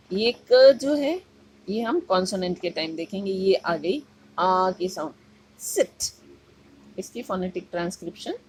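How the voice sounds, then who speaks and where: A woman teaching phonetics in a measured classroom style, with a slightly husky voice. She talks slowly and stretches each vowel and example word to make it plain. Her pitch sits in an ordinary middle range. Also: fairly bright tone. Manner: drawn-out, emphatic sounding of vowels and words. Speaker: English teacher.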